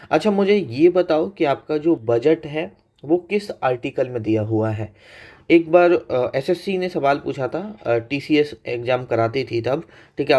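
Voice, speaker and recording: A man's voice: fairly high pitch, a little mellow. A man teaching an exam-prep economics lecture, putting questions to his students and repeating the key facts. He mixes English terms into his Hindi explanation.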